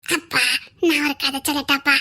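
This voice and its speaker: A shrill, childlike young woman. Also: flat delivery, moderate pace, sharp tone. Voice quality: very high, girlish voice. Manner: swings between sly plotting and tearful pleading. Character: childlike, scheming young woman doting on her uncle. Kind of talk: TV serial acting.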